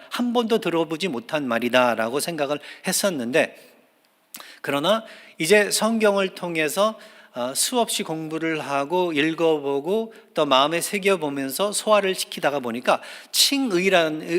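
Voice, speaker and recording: A man preaching from the pulpit in a somewhat high voice, stopping often on long "ah" and "uh" fillers as he works toward his point. He repeats key phrases to press them home. The sound carries a long reverb from the church sanctuary. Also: a bit bright. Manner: hesitant, with many drawn-out "ah" and "uh" fillers. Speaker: pastor. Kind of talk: sermon.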